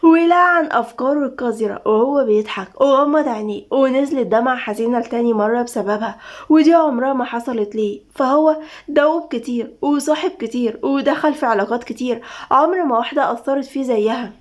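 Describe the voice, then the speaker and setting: Brisk, high-voiced Egyptian storyteller woman. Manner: brisk, dramatic reading. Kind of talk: audio story narration.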